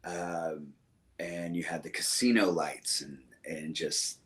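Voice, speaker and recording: A man's voice: deep voice, fairly even intonation, takes it slowly, fairly bright tone. A young man from the Southern United States, a musician guest chatting in an interview, rambling fondly with many fillers and restarts. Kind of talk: casual interview chat.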